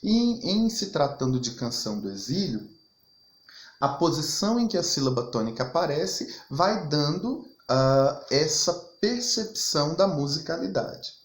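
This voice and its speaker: Lively teacher in an echoey room. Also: male voice, fairly high pitch, measured pace. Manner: explanatory, rhetorical questions, emphatic. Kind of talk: recorded literature lesson over slides.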